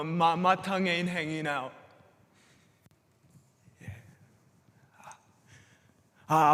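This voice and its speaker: A young man performing a stage monologue as a sheltered, stammering man who breaks free and turns defiant. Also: on the high side. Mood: wondering. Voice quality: stammering, repeats words. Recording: reverberant hall.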